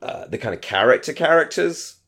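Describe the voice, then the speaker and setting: A middle-aged podcast co-host casually discusses a radio drama, thinking aloud in a rambling, hesitant way full of false starts. His voice sits on the high side, animated and fairly quick, with a bright yet husky tone.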